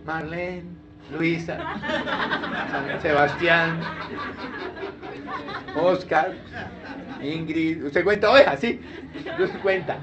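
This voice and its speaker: A man pastor preaching a sermon in a lively, humorous way, full of rhetorical questions. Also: fairly high pitch, drawn-out words, pauses often, highs cut off, noisy background.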